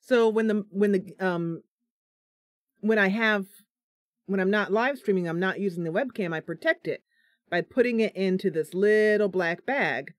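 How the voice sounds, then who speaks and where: Her medium-pitched voice is unhurried, with long pauses, captured in studio quality with no echo. Tired, she's live streaming from her home computer, chatting casually, giggly and self-deprecating as she laughs off her own mistakes.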